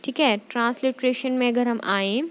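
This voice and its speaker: A woman's voice: on the high side, steady tone, normal speed, smooth. A young woman teacher giving an exam-prep lecture in mixed Hindi and English. She dictates definitions word by word, repeats them, and checks in with "theek hai".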